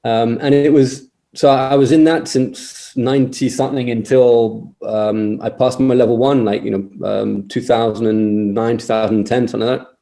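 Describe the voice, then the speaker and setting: A man's voice: mid-range voice, steady tone, moderate pace, creaky, few pauses, mellow. A man in his forties, a podcast guest, talking casually and hesitantly, with many fillers and repeated words. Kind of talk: casual interview chat.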